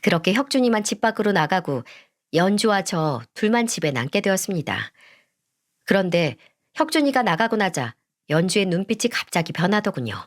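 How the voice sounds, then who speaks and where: A middle-aged woman narrating a first-person family story, gentle, polite and reflective. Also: medium pitch.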